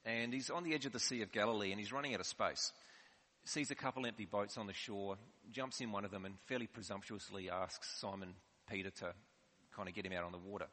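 A man's voice: fairly low pitch, quick pace, sharp tone. A man preaching a sermon in a conversational, explanatory way. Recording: long hall reverb.

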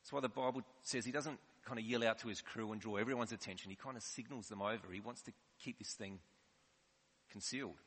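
Male preacher, conversational sermon, bright forceful tone, long reverb. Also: on the low side, fast talker, husky.

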